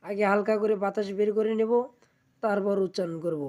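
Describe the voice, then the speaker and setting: A woman teaching how to pronounce Arabic letters, slowly, repeating each sound several times. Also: medium pitch, steady tone, warm tone. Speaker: Quran teacher. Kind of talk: step-by-step pronunciation lesson.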